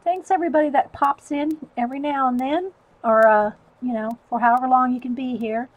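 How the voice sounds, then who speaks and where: This artist livestreamer, a middle-aged woman, chats and laughs a lot with viewers while drawing. She speaks briskly in a high-pitched, steady voice, captured on narrow, tinny audio.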